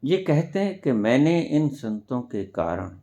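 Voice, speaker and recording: A man giving a spiritual discourse as a teacher, speaking deliberately with sudden loud emphatic rises. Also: mid-range voice, very animated. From India.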